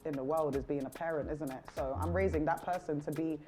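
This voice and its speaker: A woman's voice: sits low, fast. A woman co-hosting a podcast, talking frankly about single motherhood and acting out the dialogue in her stories. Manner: candid, animated storytelling that acts out dialogue. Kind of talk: casual chat.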